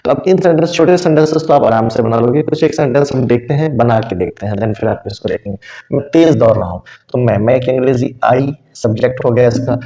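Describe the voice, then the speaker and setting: Male English tutor, patient step-by-step explainer, darker mellow tone, dull lo-fi sound. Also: mid-range voice. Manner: asks questions and answers them himself. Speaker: English teacher. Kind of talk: spoken English lesson explained in Hindi. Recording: dull, lo-fi recording.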